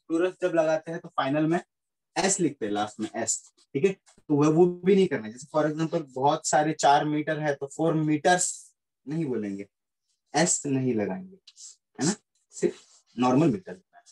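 A fairly high-pitched, slightly mellow male voice leads a physics class at normal speed, switching between Hindi and English. He repeats ideas and confirms the students understand, captured on a rough recording.

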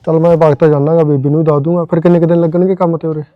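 A man playing a stingy husband who complains rapidly in a comic web series. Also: on the high side, level tone, no echo. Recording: dry, muffled lo-fi phone audio.

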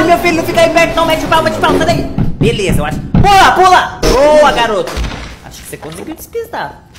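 A woman hosting a reaction video, excitedly yelling warnings and advice at what she watches. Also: very high voice. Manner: excitable, yells advice at the screen. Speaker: reaction channel host.

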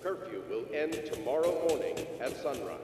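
Stern city announcer over echoing loudspeakers. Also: male voice, on the high side, animated, loud music behind the voice. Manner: formal, measured official proclamation. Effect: broadcast through public loudspeakers. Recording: distant echoing loudspeaker with loud ambient noise.

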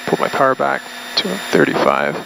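Gravelly pilot on a cockpit headset. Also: male voice, mid-range voice, normal speed. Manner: calm, matter-of-fact checklist callouts. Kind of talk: talking through a flight while flying. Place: small aircraft cockpit. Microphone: pilot's headset mic. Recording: loud engine noise in the cockpit.

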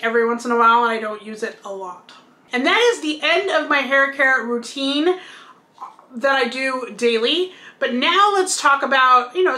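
A woman's voice: high-pitched, pushed and bright, reverberant. A woman in her thirties chatting casually through a hair care review, explaining each product as she shows it, at home at her desk webcam. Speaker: beauty vlogger. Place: bedroom at home, indoors.

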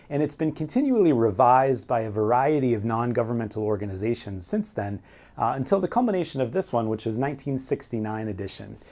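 A man, a teacher calmly explaining a subject step by step to camera, with an occasional um or uh. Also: medium pitch. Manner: clear, methodical explaining with occasional fillers. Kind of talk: educational explainer video. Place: indoor room before a whiteboard and framed ship painting. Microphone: camera at medium distance.

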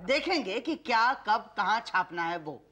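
A man's voice: high-pitched, animated, a little slow, bright, forceful tone. A man playing a flustered, sarcastic clerk in a sitcom, with a studio audience behind. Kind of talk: sitcom acting.

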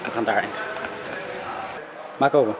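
A man's voice: on the low side, measured pace, crowd noise. A young man in casual vlog chat, talking in short urging phrases into a handheld camera. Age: young adult. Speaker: vlogger playing seeker in hide and seek. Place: large dark indoor trampoline park. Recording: noisy handheld camera audio.

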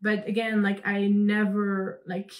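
On a video call from her home, a young company founder from Belgium answers interview questions as a guest. Her mid-range voice keeps a measured pace, yet she talks animatedly with many fillers and restarts.

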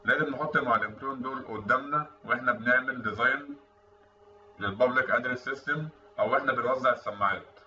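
An instructor with an Egyptian Arabic accent talks quickly in a sharp, mid-range voice, walking through technical material in a casual tutorial voice-over. The mic is distant and roomy, giving a dull sound with faint noise.

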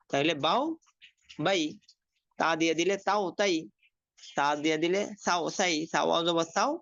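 A man teaching a recitation lesson, spelling out letters slowly and repeating the sounds for practice. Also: on the high side, a bit bright, no echo. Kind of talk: spoken Quran recitation lesson. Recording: dull lo-fi dry recording.

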